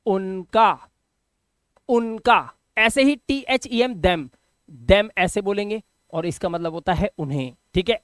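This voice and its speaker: A man teaching English vocabulary in a video lesson. He repeats each word, keeps asking if his students follow, and pushes in loud, encouraging bursts. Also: high voice, clear, resonant tone, dry recording, studio quality. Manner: drills words, repeats them, keeps asking "ठीक है?"; animated and encouraging, with sudden loud emphasis.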